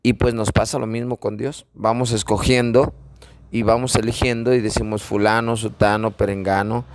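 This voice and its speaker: A man's voice: fairly low pitch, flat delivery, moderate pace. A man giving an informal spiritual teaching, emphatic and repeating phrases for stress. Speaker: religious teacher.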